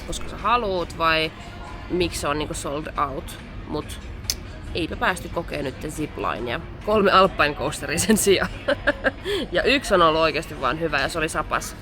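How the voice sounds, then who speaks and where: Outdoors at an amusement park, a young Finnish travel vlogger chats excitedly into a handheld camera, her low voice full of slang and sprinkled with English words. Music plays in the background.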